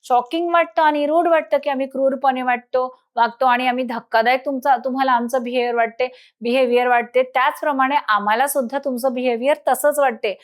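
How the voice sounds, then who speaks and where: High-voiced woman teacher. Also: fairly even intonation. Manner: reads English lines slowly, then translates and explains. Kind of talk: English lesson explained in Marathi.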